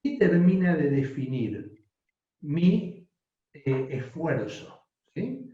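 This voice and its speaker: A man's voice: fairly high pitch, warm tone. A man teaching a voice workshop, often checking with the class. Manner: instructive, asks the class frequent yes-or-no checks. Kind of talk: voice and speaking workshop. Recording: distant mic in an echoey, dull-sounding room.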